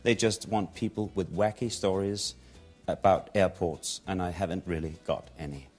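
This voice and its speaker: A man hosting a talk show interview in a teasing, deadpan way. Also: low voice, normal speed, soft background music.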